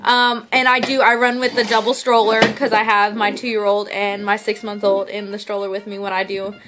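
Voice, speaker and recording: A woman's voice: mid-range voice, flat delivery, moderate pace. A young woman chatting casually to the camera as a vlogger, in an informal, easily sidetracked way. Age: young adult. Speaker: vlogger giving daily fitness updates. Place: living room at home, on a couch. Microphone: camera or phone at arm's length. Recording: noisy home phone-style recording, clicks. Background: noise, small child playing nearby.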